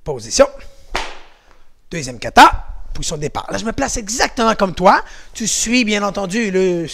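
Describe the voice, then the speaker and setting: Énergique professeur de karaté, voix haute. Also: male voice, high voice, gravelly. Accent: Québécois French. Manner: energetic coaching, shouted counts and kiai cries. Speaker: karate instructor. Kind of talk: home workout class for kids.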